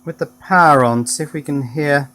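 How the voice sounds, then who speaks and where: Slightly high-voiced and brisk, a man casually demonstrates an electronics project by hand, muttering his thoughts aloud as a hobbyist presenter.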